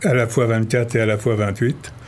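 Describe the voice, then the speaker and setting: A man's voice: medium pitch, little pitch movement, fairly quick, a little hiss or hum. A man speaking as a radio guest, telling a history story casually with some restarts.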